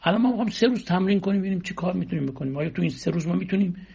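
A man's voice: high voice, expressive, gravelly, a little mellow, slightly rough. A man giving a spiritual sermon, exhorting listeners with rhetorical questions and long lists, on a dull lo-fi recording. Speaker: religious speaker.

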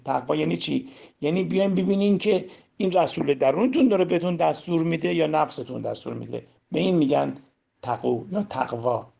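A man with a deeply gravelly, husky voice preaches a sermon on scripture, posing questions and answering them himself. He swings from loud emphasis to hushed demonstration. The recording sounds dull and lo-fi. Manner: asks and answers his own rhetorical questions. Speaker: religious teacher. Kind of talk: sermon explaining Quran verses.

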